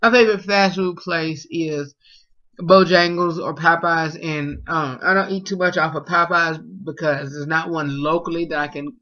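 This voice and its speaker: The speaker is a young vlogger, high-ish in pitch with fairly even intonation, talking at a moderate pace in a pushed, bright voice. He chats through food tag questions at home, filling answers with fillers; the webcam is close and the small-room recording sounds dull and lo-fi.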